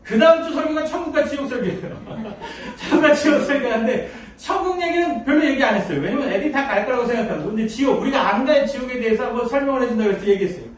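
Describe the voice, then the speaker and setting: A man pastor giving a storytelling lecture, animated and often laughing as he acts out scenes. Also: very high-pitched, rapid-fire, few pauses. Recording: echoey hall from far off, faint noise.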